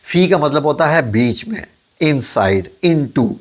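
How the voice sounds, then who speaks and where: A man teaching Quranic Arabic vocabulary in a relaxed, informal lesson. He spells words out letter by letter, pauses often, and slips English words into his explanations. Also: a little high. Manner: modest and relaxed, many pauses and fillers.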